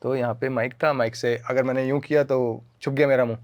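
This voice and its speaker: A young man, an actor and podcast guest, talking casually and mixing Hindi and English. He is an animated storyteller who acts out scenes. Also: mid-range voice, brisk, dry recording, highs cut off.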